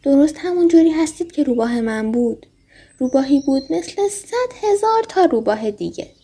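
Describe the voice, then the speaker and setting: A woman's voice: sits high, animated, mellow. The Little Prince, as a woman puts him on. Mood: proud. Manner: earnest, proud, insistent. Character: earnest young boy prince. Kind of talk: storybook reading.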